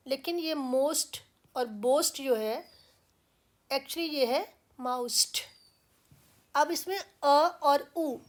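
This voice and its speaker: Slow-spoken Indian woman teaching pronunciation. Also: high voice. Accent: Indian English. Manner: slow, patient, repeats example words carefully. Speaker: English teacher. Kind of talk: pronunciation lesson in Hindi with English words.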